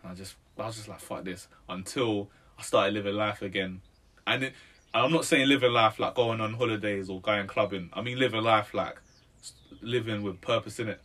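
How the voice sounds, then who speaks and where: London roadman, low slightly husky voice. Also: a little fast, fairly bright tone. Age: 20s. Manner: street slang, tags sentences with "innit" and "bro". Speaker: musician, interview guest. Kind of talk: casual interview chat.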